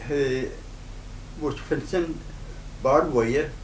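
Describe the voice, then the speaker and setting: A man in his nineties with a broad Scottish accent, reminiscing informally in a halting, rambling way in dialect. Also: a little high. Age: 90s. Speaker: interviewee, retired farm worker. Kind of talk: informal oral-history reminiscence. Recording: roomy, noisy, distant microphone.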